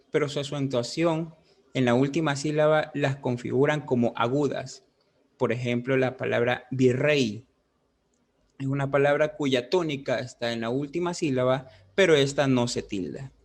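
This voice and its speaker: A young man, a student, reading a class presentation in a measured way and giving examples. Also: mid-range voice.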